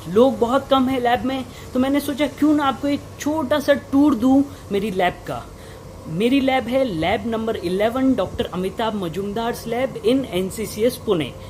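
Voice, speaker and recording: A man's voice: extremely high pitch, a little slow. Young guy doing a casual lab tour vlog, voice a bit muffled by a mask, equipment humming behind him, drops english tech terms. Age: young adult. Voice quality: slightly muffled by a face mask. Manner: informal, mixes English technical terms into speech. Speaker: vlogger and lab researcher. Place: indoor research lab. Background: running lab equipment and air conditioning hum.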